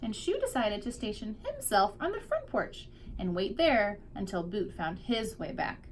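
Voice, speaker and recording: A woman teacher reads a picture book aloud to young children, very animated and drawing out key words for emphasis. Her mid-range voice moves at normal speed, with a little hiss or hum in the recording.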